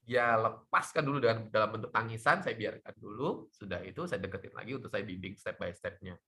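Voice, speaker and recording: A middle-aged man, a doctor, explaining health topics in a lively talk show chat. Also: fairly low pitch, brisk. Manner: lively, animated explaining with laughs.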